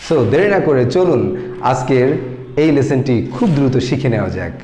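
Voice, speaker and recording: A man's voice: mid-range voice, very animated, moderate pace, warm tone, slight background noise. A man giving an English pronunciation lesson, slipping English words and phrases into his teaching. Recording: echoey room.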